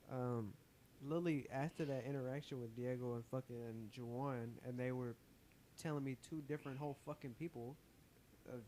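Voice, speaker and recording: A man's voice: mid-range voice, mellow. A man co-hosting a podcast, telling a story in an exasperated, heavily profane way. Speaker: podcast co-host. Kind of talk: casual storytelling. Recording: faint background noise.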